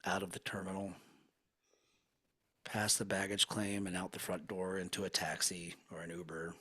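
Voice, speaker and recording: A man leading a guided hypnosis session in a slow, soothing, hushed manner. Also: deep voice, level tone, breathy edge.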